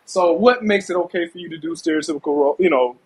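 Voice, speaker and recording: A man's voice: fairly high pitch, quick pace, breathy edge. A man hosting a casual podcast chat over a video call, blunt, profane and heated. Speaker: podcast host.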